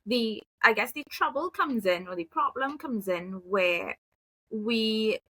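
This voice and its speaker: A woman, a behavioral analyst and mother, calmly explaining with examples from her own home. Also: fairly high pitch, breathy edge, no room sound, poor audio. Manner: calm, measured, explains with examples. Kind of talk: explanatory conversation.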